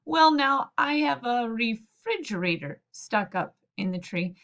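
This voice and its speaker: A woman's voice: a little high, lively intonation, a little slow, fairly bright tone, dull audio. A woman doing a flustered, bumbling uncle. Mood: sheepish. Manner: sheepish, hesitant, lots of "uh". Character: flustered middle-aged man, bumbling uncle phoning for help. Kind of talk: storybook read-aloud.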